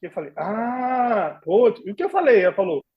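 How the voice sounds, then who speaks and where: Brazilian man, high voice, lively anecdote-teller who acts out every line of dialogue; slightly muffled, lo-fi sound. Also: a little fast. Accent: Brazilian Portuguese. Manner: animated, acts out remembered dialogue with laughs and exclamations. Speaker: podcast guest, former au pair. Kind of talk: casual storytelling in a podcast interview.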